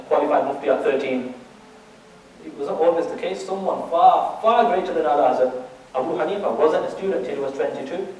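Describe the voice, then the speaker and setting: Somewhat high and a little mellow, this man's voice carries a religious lecture full of rhetorical questions, with many restarts and repeated words. He's an Islamic teacher, heard through a distant mic in a very echoey room with slight hiss or hum.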